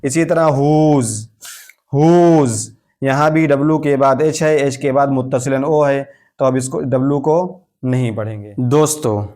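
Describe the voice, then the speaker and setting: A man teaching English pronunciation rules in a slow, methodical classroom style, saying each example word twice before explaining it. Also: medium pitch, fairly even intonation, a little mellow. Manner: uses Urdu-flavored terms for rules and letters.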